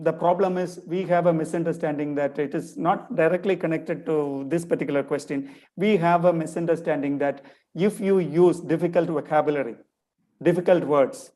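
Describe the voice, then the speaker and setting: Over a video call, a guest lecturer from India gives an earnest webinar answer to a question, returning again and again to his key phrases. He speaks with a Tamil English accent and a slight Malayalam influence, in a fairly high, warm voice.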